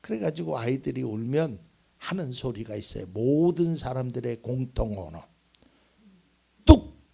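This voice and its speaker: A male pastor preaching a Sunday sermon, swinging between loud emphatic lines and soft, almost whispered ones. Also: medium pitch, expressive, moderate pace, gravelly, slightly rough. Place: church sanctuary.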